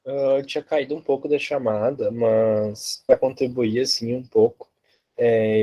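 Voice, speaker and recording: A man's voice: mid-range voice, mellow. A Brazilian man taking part in an online course, talking casually and hesitantly on a video call. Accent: Brazilian Portuguese. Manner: hesitant, filler-heavy, "assim" and "né". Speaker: course participant.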